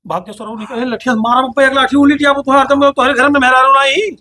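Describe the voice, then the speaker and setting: A man's voice: very high-pitched, flat delivery, brisk, sharp tone, slight background noise. A man playing a cranky old village father in an Awadhi comedy skit, scolding in coarse rustic talk with an Awadhi accent. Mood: angry.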